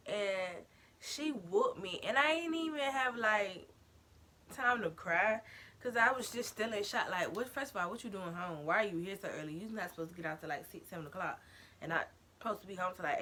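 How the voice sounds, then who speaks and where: Bright-voiced young woman telling a story. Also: medium pitch, normal speed. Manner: animated, slangy storytelling, addresses viewers as y'all. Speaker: vlogger. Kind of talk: storytime vlog.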